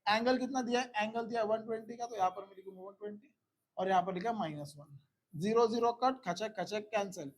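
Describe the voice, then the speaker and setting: A man's voice: sits high, fast talker. A man teaching a physics class who keeps repeating questions to his students and coaxing them along.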